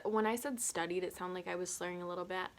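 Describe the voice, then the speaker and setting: Twenties woman, tipsy and self-mocking, low-ish voice, rambling vlog chat. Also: fairly even intonation, fast talker. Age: 20s. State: tipsy from drinking. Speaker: vlogger. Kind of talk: casual get-to-know-me chat.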